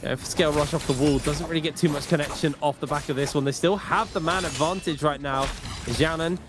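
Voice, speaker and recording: A man's voice: a little high, fairly even intonation, fairly quick, noisy background. A man giving live esports commentary in a conversational, rambling play-by-play style. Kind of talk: live gaming commentary with casual chat.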